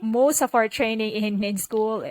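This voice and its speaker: A young Filipino woman with a Filipino accent chats as a guest in a casual podcast interview, peppering her speech with "like" and "you know." Her voice is fairly high and a little mellow, with fairly even intonation and an unhurried pace.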